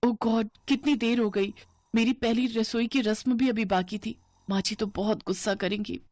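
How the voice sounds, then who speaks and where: A woman's voice: fairly high pitch, fairly even intonation, moderate pace, a little mellow, no echo, pitched above the performer's own voice, close to an everyday voice. A frightened young bride from a cartoon story, played by a woman. Her voice is raised and pleading, and she stammers when nervous; the recording is dry and close. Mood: worried. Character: timid young bride, anxious and fearful.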